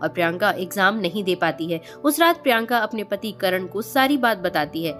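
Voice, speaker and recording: A woman's voice: mid-range voice, animated, moderate pace, fairly bright tone. A woman narrating a scripted family story steadily, addressing listeners as friends. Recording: faint music behind.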